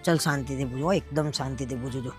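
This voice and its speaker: A woman playing a low-voiced exasperated husband. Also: brisk, faint music behind, lightly acted. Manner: pleading, exasperated bickering. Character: exasperated husband, newly made society chairman. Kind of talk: comedy skit dialogue.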